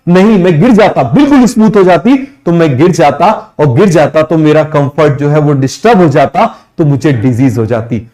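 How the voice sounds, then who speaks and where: A young man giving a live online biology lecture, quizzing his students with quick questions and answering them himself, drawing out English terms slowly. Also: a little high, warm tone. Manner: mixes English terms into Hindi, drawn out slowly. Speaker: biology teacher. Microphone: streaming microphone.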